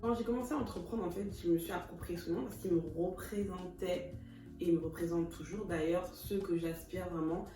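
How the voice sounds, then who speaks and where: In a casual self-introduction vlog, a warm, talkative woman in her thirties from Kinshasa, Congo, laughs a lot and drops English words into her speech. She speaks fairly quickly with a fairly low voice and fairly even intonation. The distant mic catches her slightly off-axis in an echoey room, with background music.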